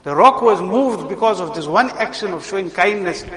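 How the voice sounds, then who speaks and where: A man giving a sermon, telling moral stories in an animated way and acting out the people he quotes. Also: sits high, moderate pace, a crowd in the background. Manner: animated, acts out quoted characters. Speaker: preacher. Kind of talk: sermon storytelling. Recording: long hall reverb.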